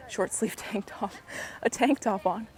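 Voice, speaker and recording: This walking vlogger strolls through a park with a handheld gimbal camera, offering casual commentary and frequent soft asides. Her slightly deep voice is raspy and hoarse from a cold, and she speaks unhurriedly against faint outdoor ambience.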